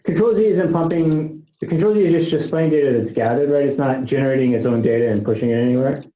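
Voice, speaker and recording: A man's voice: mid-range voice, fast. A man presenting a proof of concept on a technical working-group call. He thinks aloud, with many um fillers and restarts. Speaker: software engineer presenting work. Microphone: online meeting call. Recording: tinny phone-like call audio, roomy echo.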